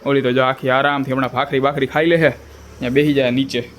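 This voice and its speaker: A man's voice: medium pitch, level tone, fast talker, slight background noise. A man, chatting to camera in a casual family vlog, teasing his family. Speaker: vlogger.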